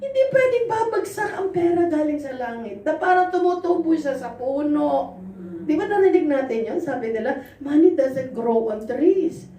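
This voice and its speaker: Very high-voiced laughing woman preacher. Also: normal speed, slight background noise. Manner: animated, laughs often, acts out quoted dialogue. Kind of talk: sermon with personal storytelling. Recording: roomy echo, voice from far off.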